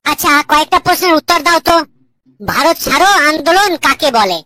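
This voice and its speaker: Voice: high-pitched, big pitch swings, a little fast, sharp tone, exaggerated voice. A voice actor playing a flustered woman English teacher in a cartoon, scolding her class. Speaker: schoolteacher.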